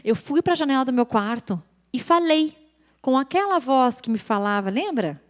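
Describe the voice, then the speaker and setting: A woman with a Brazilian accent gives a chatty, animated faith testimony to a live church audience and often turns to speak to them directly. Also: high voice, moderate pace, big-room sound. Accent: Brazilian Portuguese. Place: church event stage.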